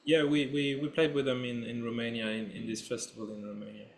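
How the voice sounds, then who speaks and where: A man from Sweden, a musician guest, talking casually in a relaxed, hesitant way and repeating words. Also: medium pitch, fast talker. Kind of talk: casual interview chat. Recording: roomy echo.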